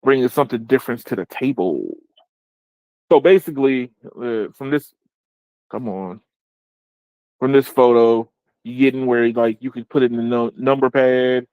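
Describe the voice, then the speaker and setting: A man's voice: mid-range voice, darkish tone, clean tone, no echo. Rambling man hosting a tech podcast. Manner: rambling, restarts, laughs often. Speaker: podcast host. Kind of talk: casual tech podcast chat.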